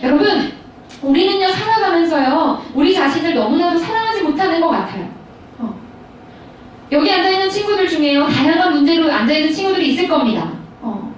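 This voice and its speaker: A woman pastor in her thirties giving a storytelling sermon to high school students, speaking directly to her listeners. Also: a little fast. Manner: storytelling, animated, addresses audience directly. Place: large school hall. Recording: echoey hall, mic far off, faint noise.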